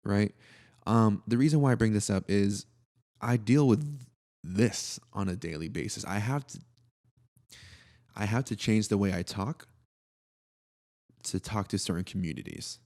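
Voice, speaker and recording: Co-hosting a podcast, a man with a deep, creaky, slightly mellow voice talks at a measured pace with long pauses. He keeps the casual chat laid-back, full of jokes and slang.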